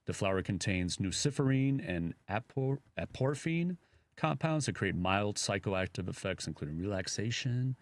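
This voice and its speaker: A man's voice: lowish voice, expressive, moderate pace, dry recording. A man with a Chicago accent, co-hosting a radio talk show and chatting casually in a rambling way, full of fillers. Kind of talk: casual chat.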